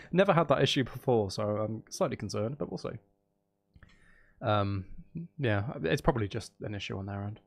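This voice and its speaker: A game streamer who also narrates audiobooks chats casually on a livestream, commenting on games and rambling in a self-deprecating way. His fairly low voice is animated and creaky, at normal speed with long pauses.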